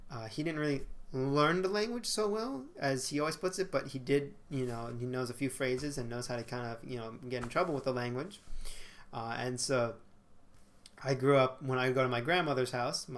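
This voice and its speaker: A vlogger in his twenties talks at a normal speed and medium pitch, addressing a webcam in a small bedroom. It's a casual talking-head piece, peppered with fillers and corrections of himself.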